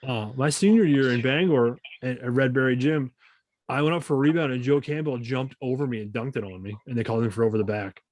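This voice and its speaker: A podcast host from Maine rambles through old basketball stories in a casual, profane way. His voice sits at a middle pitch. It is recorded close and dry. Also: fast, darkish tone, no echo, poor audio. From Maine, USA. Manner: rambling storyteller, swears casually. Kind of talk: casual chat.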